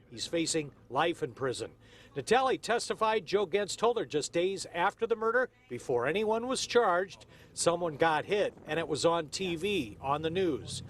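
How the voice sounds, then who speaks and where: An American man reporting live for television news from outdoors downtown. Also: on the high side. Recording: faint outdoor street noise.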